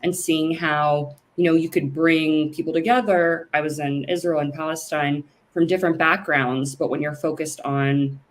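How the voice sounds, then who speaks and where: A low-pitched woman speaks as the guest on a video call interview. She talks chattily in an easy, conversational flow, with plenty of fillers and restarts along the way. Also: fairly even intonation, moderate pace, hardly any pauses. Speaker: company president, guest.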